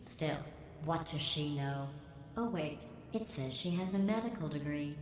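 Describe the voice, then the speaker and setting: Deadpan mocking AI overseer. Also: female voice, sits low, a little slow. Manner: deadpan, mocking, passive-aggressive. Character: cold sarcastic female AI overseer. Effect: synthetic computer voice processing. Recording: roomy game audio with heavy background noise.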